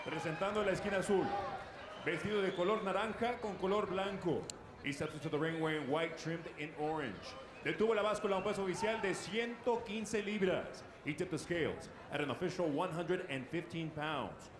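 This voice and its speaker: Theatrical lucha libre-style ring announcer, echoey man. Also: crowd noise. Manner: theatrical, booming, drawn-out names and phrases. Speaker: bilingual boxing ring announcer. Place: boxing ring in a large indoor arena. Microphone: handheld microphone. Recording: echoey arena microphone with noisy background.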